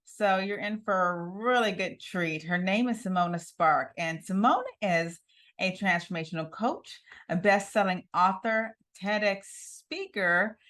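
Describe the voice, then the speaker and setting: A woman's voice: medium pitch, unhurried, fairly bright tone. A woman hosting an interview show, introducing her guest with enthusiasm and laughing often. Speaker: TV show host.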